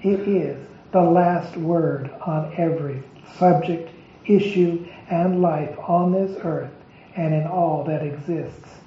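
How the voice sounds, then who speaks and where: A man preaching a devotional sermon with a raised, fairly high voice, stressing each word as he piles up lists of phrases. He speaks slowly and deliberately. The recording is muffled and lo-fi and carries a roomy echo. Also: slight background noise. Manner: emphatic, deliberate listing of phrases. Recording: echoey, dull lo-fi recording.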